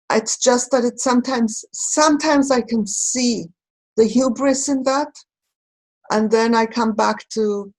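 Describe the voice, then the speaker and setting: A woman from Israel speaking reflectively in a recorded conversation, pausing and searching for her words. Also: a little high, rough recording. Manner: thoughtful, halting, searching for words. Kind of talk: reflective talk.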